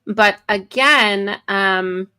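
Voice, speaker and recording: A woman's voice: medium pitch, extremely slow, bright, forceful tone, smooth. A woman co-hosting a casual political talk show, reading news articles aloud with many fillers and self-corrections. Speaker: co-host.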